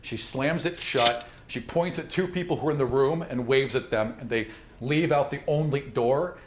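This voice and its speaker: A man with a medium-pitched voice speaks at normal speed as game master for a tabletop game, narrating in a conversational, emphatic style. The room is echoey and there's background noise.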